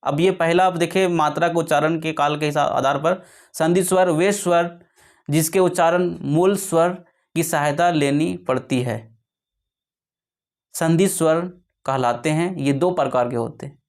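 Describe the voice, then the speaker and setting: A man's voice: fairly high pitch, steady tone. A man with a slightly raised voice teaches a lesson. He goes over each point again and again, stops to correct himself, and asks questions he then answers. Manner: explains slowly with many repetitions and self-corrections.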